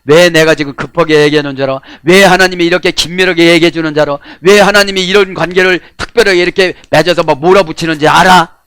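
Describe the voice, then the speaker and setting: A middle-aged man preaching a sermon, acting out prayers and cries in a folksy, animated way. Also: fairly high pitch, quick pace, smooth, no room sound. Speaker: pastor.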